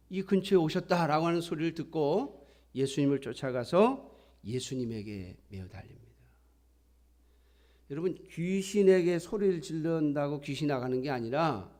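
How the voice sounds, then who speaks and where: A man's voice: on the high side, a little mellow. A middle-aged man preaching a sermon in a conversational style, sometimes acting out quoted voices. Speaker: pastor.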